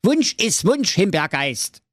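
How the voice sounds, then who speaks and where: A man's voice: high-pitched, big pitch swings, normal speed, no echo, clean studio sound, pitched above the performer's own voice. A man voicing a boastful, bossy young ex-conductor in a comic fairy tale read aloud. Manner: brash and demanding.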